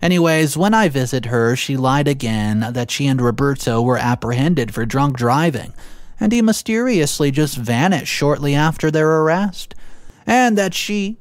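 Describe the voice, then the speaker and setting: Male narrator, mid-pitched, Reddit story reading, pitch jumps on emphasis, dry close mic. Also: no room sound.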